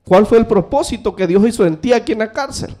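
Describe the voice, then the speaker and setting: A man's voice: sits high, expressive, fast, mellow, pitched above the performer's own voice. A man playing a hot-tempered king in a sermon story, scolding and impatient. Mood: overjoyed. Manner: exasperated, scolding.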